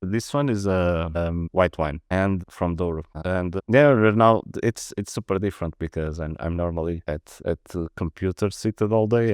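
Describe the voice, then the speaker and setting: Portuguese man, 30s, very low voice, halting casual answers, dry close mic. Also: darkish tone, dry recording. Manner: hesitant, many restarts and fillers. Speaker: podcast guest, protocol lead.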